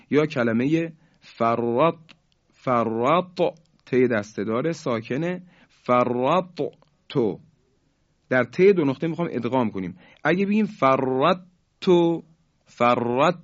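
A man teaching a spoken lesson in an explanatory way, repeating example words slowly and with stress. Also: medium pitch, darkish tone, muffled recording.

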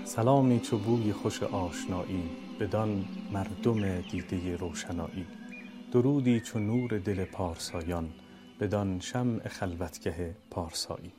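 Male recitation teacher, warm mellow tone, measured delivery with careful syllable drills. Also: on the low side. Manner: clear, measured teaching with slow syllable-by-syllable demonstrations. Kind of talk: instructional lesson with letter drills.

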